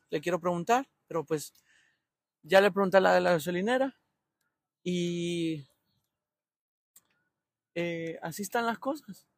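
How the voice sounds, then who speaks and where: A man's voice: high-pitched, no room sound. A man in his thirties with a Honduran accent, giving an anxious, rambling running commentary from inside his car while waiting in line. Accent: Honduran Spanish. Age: 30s. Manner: rambling, anxious, thinking aloud. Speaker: podcast host.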